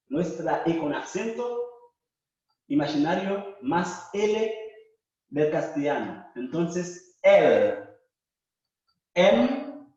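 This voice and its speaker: Slow, deliberate man teaching in an echoey room. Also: high-pitched, mellow. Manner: slow, deliberate, repeats and spells out words. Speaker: language teacher. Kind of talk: classroom lesson. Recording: echoey room, distant mic, dull sound.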